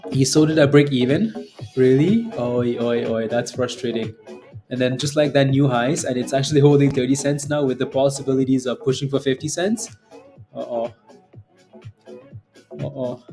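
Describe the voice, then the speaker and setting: A man's voice: medium pitch, little pitch movement, moderate pace, pauses often, dark tone, faint music behind. A man hosting a casual live trading stream, talking in slangy finance-bro style, blunt and exasperated, often repeating himself for emphasis. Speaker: day-trading livestream host.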